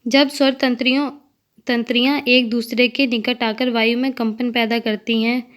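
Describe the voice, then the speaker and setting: A woman reading grammar notes aloud for exam preparation, dictating letters and words slowly and carefully. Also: a little high, level tone, fairly bright tone, clear, resonant tone. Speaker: teacher.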